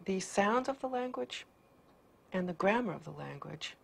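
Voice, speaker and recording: A woman's voice: medium pitch, expressive, normal speed, gravelly, breathy edge. A woman researcher explaining brain development confidently in an interview. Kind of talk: interview answers.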